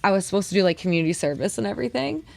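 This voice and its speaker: A young woman co-hosting a podcast, telling stories in casual chat, animated and swearing freely. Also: mid-range voice, rapid-fire, vocal fry. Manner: animated storytelling, heavy swearing, frequent laughter. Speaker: podcast co-host.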